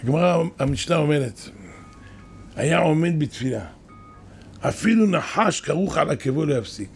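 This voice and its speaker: Gravelly-voiced man preaching a sermon. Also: a little high, lively intonation, faint music behind. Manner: storytelling with rising emphatic bursts. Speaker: rabbi.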